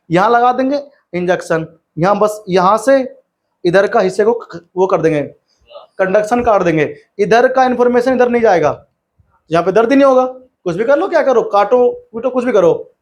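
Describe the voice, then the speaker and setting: A young man teaching science in a casual classroom lecture, chatting, telling funny anecdotes and asking and answering his own questions. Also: sits high. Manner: reads English textbook lines slowly, word by word.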